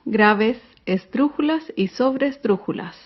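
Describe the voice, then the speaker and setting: A woman giving a scripted lesson, slowly stressing each syllable with careful, over-articulated speech. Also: fairly high pitch, lively intonation, faint music behind. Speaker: teacher. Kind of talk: slow scripted educational narration. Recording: dull lo-fi sound.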